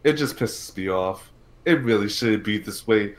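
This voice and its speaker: Thinking aloud on a relaxed podcast livestream covering films and games, the male host talks in a halting way and repeats himself. His pitch sits on the low side, and he sounds animated.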